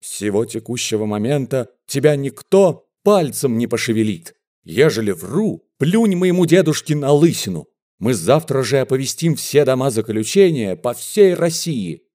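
A man's voice: mid-range voice, big pitch swings, normal speed, dark tone, natural voice. A man voicing a wiry male bandit in his thirties with a ringing tenor voice, making a fiery, oath-swearing speech in an audiobook. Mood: fervent. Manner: fiery, chest-thumping oaths.

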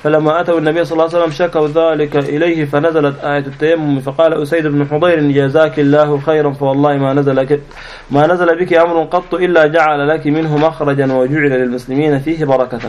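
A man with a Sudanese Arabic accent reading hadith aloud to his teacher in a quick, level recitation, sometimes restarting a word. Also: a little high. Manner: fast, even reading with small restarts.

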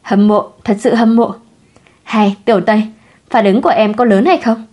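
A woman's voice: medium pitch, fairly even intonation, moderate pace, a little mellow, natural voice. A woman voicing a carefree, playful young man who teases and mocks himself. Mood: teasing. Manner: breezy, teasing. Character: easygoing playboy man, joking and self-mocking.

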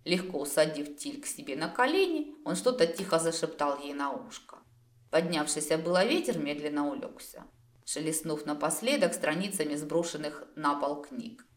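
A woman narrates a fantasy audiobook in first person, expressive and a little wry. Her voice is low but moves up and down a lot. It is a home recording with a clear room echo. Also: moderate pace. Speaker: audiobook reader.

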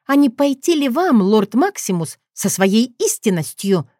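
A woman voicing a defiant young heroine, an older sister who answers with sharp, indignant retorts. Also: fairly high pitch, very animated, measured pace, no room sound, studio quality, pitched above the performer's own voice.

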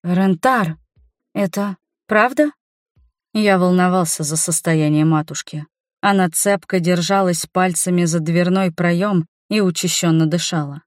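A woman reading a fantasy novel aloud as narrator, in an even, measured way. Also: fairly low pitch, no room sound, clean studio sound. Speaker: audiobook narrator. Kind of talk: scripted narration.

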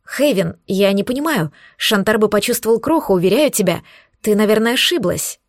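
A woman's voice: mid-range voice, expressive, brisk, dry recording. A woman reading a young, emotional woman who is the demon's mate, in a dry close recording. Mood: friendly. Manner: friendly, then tearful.

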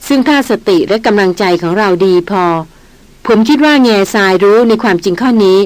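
Calm, slow-spoken veteran male hunter in an audiobook, read by a woman, dry close sound. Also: medium pitch, no echo, natural voice, low-quality recording. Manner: slow, steady explaining.

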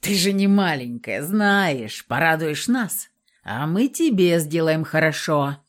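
A coarse, jeering male thug guard, as a woman reader puts him on, barking insults and swearing. The voice sits low and loud, full of lively swings. It comes from an audiobook. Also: slow pace. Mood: mocking crude. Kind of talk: audiobook reading.

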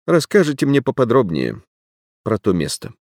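A cool, composed young woman who speaks in an even, dry tone, put on by a man reading a storybook. The voice sits well above a low male register, with a raspy edge left over from him. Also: dry recording, full character voice. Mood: curious. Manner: measured, dry questions.

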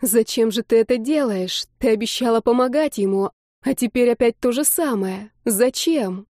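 A woman's voice: fairly high pitch, moderate pace, warm tone, no room sound, clean studio sound, lightly acted. A woman reading aloud, voicing a worried young woman's disembodied voice, full of fear and pleading. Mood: beseeching. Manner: fearful, beseeching. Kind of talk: audiobook reading.

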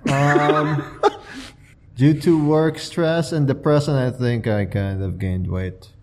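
A man's voice: mid-range voice, slow pace, a little mellow. A man chatting casually as a podcast co-host. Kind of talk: casual chat. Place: co-working space, indoors. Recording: some background noise and clicks.

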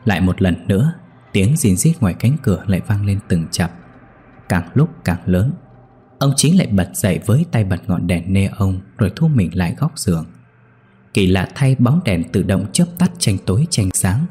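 A low, dark, very husky male voice tells a ghost story in a slow, somber way. Soft music plays faintly under the narration. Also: big pitch swings. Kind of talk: scripted horror story narration.

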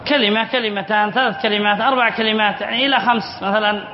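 High-voiced sheikh teaching spelling, roomy recording. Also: male voice, fairly even intonation, fast. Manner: asks the class questions and answers them himself, repeats examples. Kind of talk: classroom lesson reading and explaining a text. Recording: muffled roomy lecture recording with faint hiss.

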